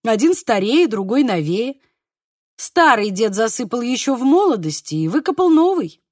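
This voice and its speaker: A patient, plain-spoken village man explains things in an audiobook, voiced by a woman reader. The voice is fairly high and lively, recorded close and dry. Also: moderate pace, no echo. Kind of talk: audiobook reading.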